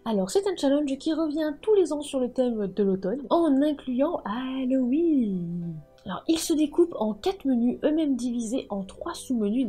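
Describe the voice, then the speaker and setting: A woman with a fairly high voice that is mellow and a little husky, hosting a video about writing and books. She talks in a casual, chatty way, lively and quick to poke fun at herself. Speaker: book and writing channel host.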